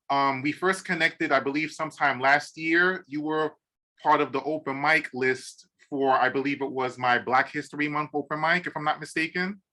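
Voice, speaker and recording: Over a video call, a man hosts a poetry podcast interview with plenty of enthusiasm, lots of "um"s, and "awesome" said again and again. His voice sits a little high and sounds pushed and bright.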